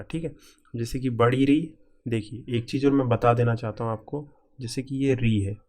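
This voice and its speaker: A man's voice: mid-range voice, a little mellow. Man teaching an exam-prep grammar lesson. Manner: repetitive, keeps checking in with "ठीक है"; spells out word parts slowly, piece by piece.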